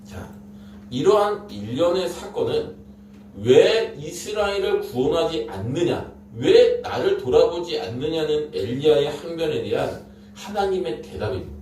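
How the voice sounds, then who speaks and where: A man with a slightly high, dark-toned voice preaches a Korean sermon, his pitch swinging widely as he keeps a measured pace. He tells the story dramatically and emphatically, repeating phrases. The room echoes, the mic sits at a distance, and there's faint noise.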